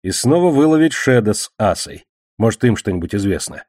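A man narrating a first-person fantasy audiobook in an expressive, measured way. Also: on the low side, no echo, clean studio sound.

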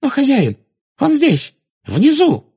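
A man voicing a frantic, fanatical female witch with a shrill, shrieking voice. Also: wildly swooping pitch, takes it slowly, gravelly, darkish tone, full character voice. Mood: pleading.

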